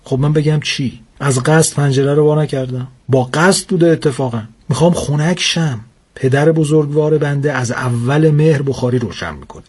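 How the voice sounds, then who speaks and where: A man narrating a first-person comic story with wry, deadpan complaints. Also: fairly high pitch, slightly rough.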